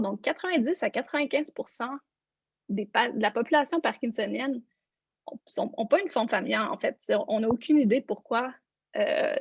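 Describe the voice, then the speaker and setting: Gravelly woman presenting slides. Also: on the high side, no room sound. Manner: explanatory, walks listeners through slides. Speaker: neuroscience researcher giving a lecture. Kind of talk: online lecture presentation. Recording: dull, lo-fi online conference audio.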